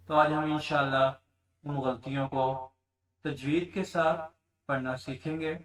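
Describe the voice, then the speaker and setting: A man's voice: on the high side, steady tone, recorded from a distance, poor audio. Man teaching recitation, set back from mic. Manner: explains in plain speech, then chants verses slowly. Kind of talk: tajweed lesson with demonstrations.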